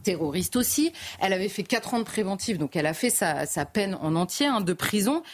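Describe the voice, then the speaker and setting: A woman's voice: medium pitch, animated, fairly quick. A woman on a television debate panel, recounting court testimony with many hesitations and restarts. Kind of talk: live TV news debate commentary.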